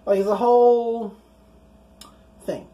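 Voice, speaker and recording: A woman's voice: fairly high pitch, steady tone, slow, dull audio. A woman casually recapping a comic book, chatty and profane, full of fillers.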